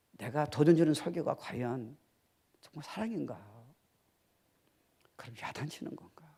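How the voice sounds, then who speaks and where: Animated Korean pastor preaching. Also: male voice, fairly high pitch, slightly rough. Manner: swings from loud emphatic preaching to quiet confiding asides. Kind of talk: sermon. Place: church sanctuary.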